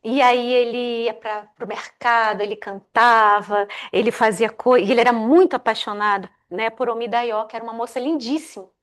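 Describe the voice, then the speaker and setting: A woman's voice: fairly high pitch, moderate pace, few pauses. A woman telling a folk tale aloud. She acts out the characters' voices and often adds small tag questions. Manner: lively, acts out the characters' quoted lines; many fillers like "né?". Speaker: guest speaker telling a tale. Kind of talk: oral storytelling.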